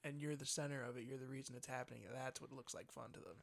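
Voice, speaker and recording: A man's voice: medium pitch, fairly even intonation, fast, vocal fry. Joking male podcast guest. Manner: joking, dry asides. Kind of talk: casual movie review chat.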